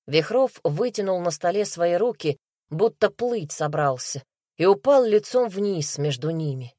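A woman narrating a crime novel in a steady, tense storytelling manner on a close studio mic. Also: lowish voice, a little slow, dry recording. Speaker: audiobook narrator.

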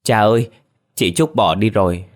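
A man's voice: fairly low pitch, normal speed, natural voice. A man voicing a panicked, tearful young village daughter in a storybook reading.

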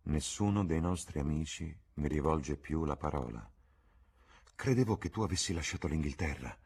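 Man reading a detached young addict: very deep, husky, audiobook reading. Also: moderate pace, heavily acted. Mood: listless. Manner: absent, flat and detached. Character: weary young man, drug addict, listless.

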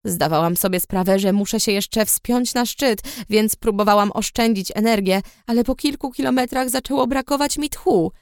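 A woman's voice: on the high side, moderate pace, hardly any pauses, a little mellow, no room sound, clean studio sound. Woman narrating a story in first person. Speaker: audiobook narrator.

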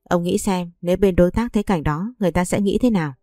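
A woman's voice: on the low side, quick pace, mellow, no room sound, clean studio sound, faint music behind, natural voice. Woman reading as a cold scheming mother-in-law. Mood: scolding. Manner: curt, dismissive.

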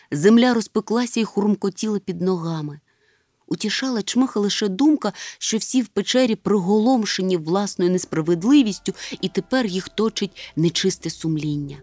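A woman narrating a children's storybook in a lively, expressive way. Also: mid-range voice. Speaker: audiobook narrator. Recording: soft music under the reading.

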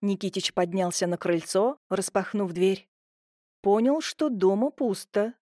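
A woman narrating an audiobook in an expressive storytelling manner. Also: medium pitch, a little slow, dry recording, studio quality. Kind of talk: scripted narration.

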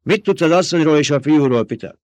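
A man's voice: a little high, dry recording, voice pushed up, close to an everyday voice. A man voicing a snapping, cruel baron. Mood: commanding. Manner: sharp, commanding, snapping. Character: cruel, domineering male baron.

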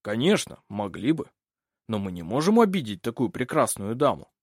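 A self-assured older French baron from an audiobook, read by a man. His husky voice moves lively through its range, recorded dry and close. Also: medium pitch, normal speed, dry recording. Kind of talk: audiobook character reading.

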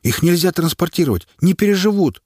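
A man's voice: high-pitched, expressive, fairly quick, darkish tone, dry recording, clean studio sound, voice pushed up. A man voicing a tired, stubborn male field healer. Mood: insistent. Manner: tired, insistent.

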